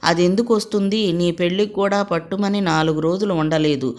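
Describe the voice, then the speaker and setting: A woman voicing an aging village mother who scolds and laments in a low, rather plain voice. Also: steady tone, brisk, darkish tone, close to an everyday voice. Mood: bitter. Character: aging village mother, stern yet grieving.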